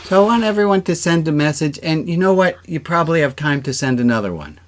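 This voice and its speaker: Quick and expressive, this slightly high male voice belongs to a rabbi running a casual online service. He jokes around, chats with the congregation, and pushes everyone to participate while leading exercises in an informal, interactive sermon.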